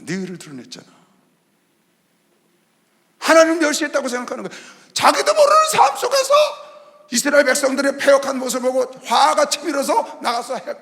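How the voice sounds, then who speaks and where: A man preaching a Sunday sermon as pastor, animated, voicing God and Moses in lower tones. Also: vocal fry. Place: large indoor arena hall. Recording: long reverb of a large arena hall.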